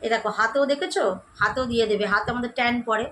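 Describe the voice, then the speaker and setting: Young woman beauty vlogger, rapid chatty tutorial delivery, slightly high voice, home camera mic. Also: a bit bright, a little hiss or hum, rough recording. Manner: chatty, addresses viewers as friends, demonstrating as she goes. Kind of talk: casual skincare tutorial. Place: at home, indoors.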